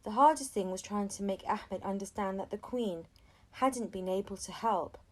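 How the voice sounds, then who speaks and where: Reading a children's audiobook at a moderate pace in a medium-pitched voice, this narrator is expressive, giving the characters' dialogue a performance between stretches of narration.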